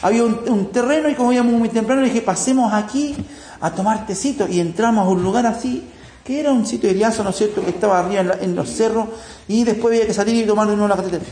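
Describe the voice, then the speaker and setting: A man's voice: sits high, fast, darkish tone. A man preaching in Chilean Spanish, telling homely anecdotes and acting out the people in them with a chuckle. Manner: folksy, chuckling anecdotes with acted-out voices. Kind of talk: sermon with storytelling. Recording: echoey room, faint ambient noise.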